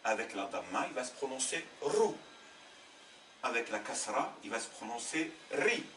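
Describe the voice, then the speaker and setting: A man teaching letters in a slow, patient classroom manner, spelling out each sound. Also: medium pitch, animated, sharp tone, slight background noise. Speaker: Arabic teacher. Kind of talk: classroom lesson. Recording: roomy sound from a distant mic.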